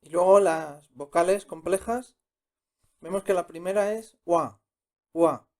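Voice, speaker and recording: A Korean language teacher gives a slow, step-by-step pronunciation lesson, patiently repeating each sound twice. His voice is high with a darkish tone.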